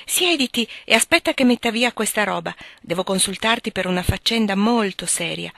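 A woman's voice: mid-range voice, expressive, brisk, creaky, a bit bright, no echo, clean studio sound. A woman voicing a prim, self-important young girl who speaks earnestly and a little dramatically.

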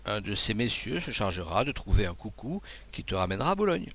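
A man's voice: lowish voice, very animated, fairly quick, fairly bright tone, heavily acted. A man reading the part of a confident naval officer who teases his friend and tells his adventures with assurance. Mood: teasing. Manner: assured, teasing, storytelling. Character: confident male naval officer, brisk and teasing. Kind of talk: audiobook dialogue.

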